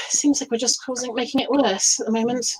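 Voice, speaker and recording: Husky-voiced woman playing a tabletop game. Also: a little high, fairly even intonation, fairly quick, poor audio. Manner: gentle, soothing, thinks out loud. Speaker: player. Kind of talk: tabletop role-play.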